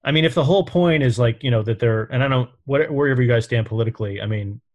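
A man from New York hosts a casual podcast conversation. He thinks out loud, hesitates, and circles back to his questions. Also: medium pitch, quick pace, dull audio. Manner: musing, hesitant, thinks aloud.

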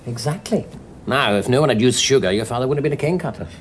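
A man's voice: mid-range voice, lively intonation, fast talker, a little hiss or hum, natural voice. An actor playing an enigmatic male time traveller who ponders aloud in a philosophical way, in a 1980s TV drama scene. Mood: brooding.

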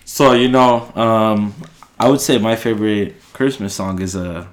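A man's voice: lowish voice, steady tone, measured pace. Young guy podcast cohost, frat bro way of talking, slangy n crude, just chatting. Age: young adult. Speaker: podcast co-host. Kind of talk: casual chat.

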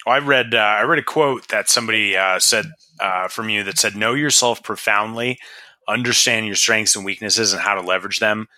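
A man hosting a podcast, asking relaxed, loosely phrased questions. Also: fairly low pitch, fairly quick, no echo. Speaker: podcast host. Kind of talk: casual podcast interview.

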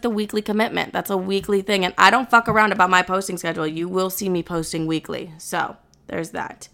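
A woman's voice: mid-range voice, creaky, pushed and bright, clean tone. A young adult woman hosting her own podcast, talking candidly and bluntly to listeners with frequent swearing. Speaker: podcast host. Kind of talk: casual chat to listeners.

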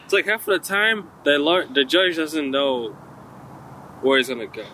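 A young man talks in casual, slangy frat-bro style with swearing. His voice is sharp and bright, a little high, with faint outdoor noise behind him. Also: animated, moderate pace. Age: young adult. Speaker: podcast host. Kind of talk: casual podcast chat.

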